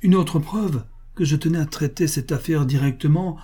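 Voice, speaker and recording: A man reading the lines of an anxious, insinuating male prince who presses and flatters. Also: on the high side, normal speed, slightly rough, pitched above the performer's own voice. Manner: urgent and ingratiating.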